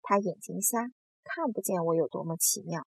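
A woman voicing a boastful, cheeky male giant centipede in a storybook reading, bragging and teasing loudly. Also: mid-range voice, lively intonation, moderate pace, vocal fry, breathy edge, no echo.

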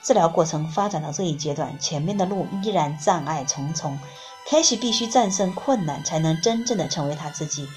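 Woman reading a book out loud, calm and steady, lowish voice, soft music behind. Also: fairly quick. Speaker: audiobook reader. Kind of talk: narrating a book, first person as therapist.

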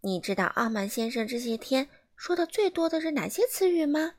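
A woman reading a children's storybook aloud in an animated way, asking the listeners questions. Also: high-pitched, fairly quick.

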